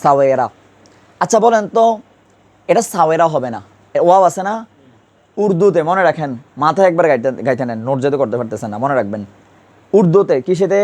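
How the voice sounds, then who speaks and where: A man with a higher voice teaches an Urdu grammar lesson, animated and fairly quick yet with long pauses and a slightly mellow tone. Speaking colloquially, he patiently drills pronunciation and questions his students again and again.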